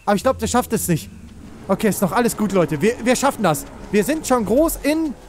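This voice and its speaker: Ein Mann, der aufgeregt ein Spiel kommentiert, in Panik ruft und fleht und viel Jugendslang benutzt. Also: male voice, high voice, a little fast, background noise. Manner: excitable, shouts and pleads in panic, youth slang. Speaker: let's play host. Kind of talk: excited gaming commentary.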